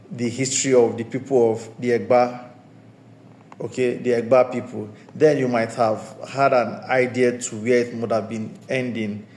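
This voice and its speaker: A man talks through a film review in a loose, conversational way, looping back to repeat and stress his points. His voice sits at an ordinary middle pitch. The recording carries a noticeable roomy echo. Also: darkish tone. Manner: discursive, circling back to restate points. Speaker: movie reviewer and channel host. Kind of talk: casual spoken movie review. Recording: roomy echoey room sound.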